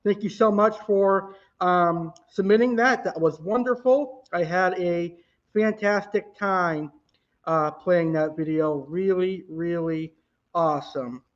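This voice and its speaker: Male livestream host, upbeat and gushing, very high voice, unhurried delivery, muffled lo-fi sound. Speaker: live show host. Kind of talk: enthusiastic livestream presenting. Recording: slightly dull, lo-fi livestream audio.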